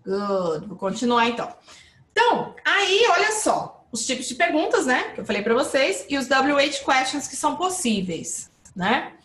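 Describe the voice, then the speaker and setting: Lively woman teacher, high and animated, live online lesson, echoey room. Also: normal speed. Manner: lively, explains with rising and falling emphasis, checks in with viewers. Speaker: English teacher.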